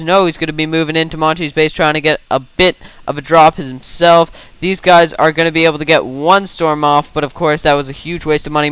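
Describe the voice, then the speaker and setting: A young man giving fast, rambling solo play-by-play commentary on a strategy game, with self-mocking asides. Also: on the high side, sharp tone, clear, resonant tone, no echo. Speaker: esports caster.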